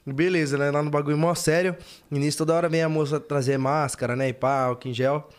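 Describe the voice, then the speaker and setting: A man who acts in a series, telling set stories in an excited, laughing, slangy way as a podcast guest. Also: on the high side, quick pace. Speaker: actor guest. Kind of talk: casual chat.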